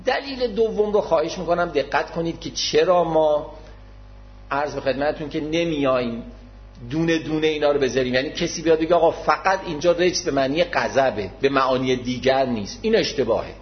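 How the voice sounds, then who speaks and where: A man's voice: fairly high pitch, animated. A man giving an explanatory religious lecture, speaking patiently and formally to his listeners, repeating key words to make his point. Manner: modest, addresses listeners formally. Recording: dull lo-fi recording.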